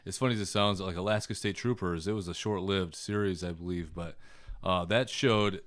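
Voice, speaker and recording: Low deep new guy chatting easy, smooth clear voice, dry room. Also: moderate pace, dry recording. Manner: relaxed storytelling, laughs often. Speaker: podcast guest. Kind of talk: casual chat.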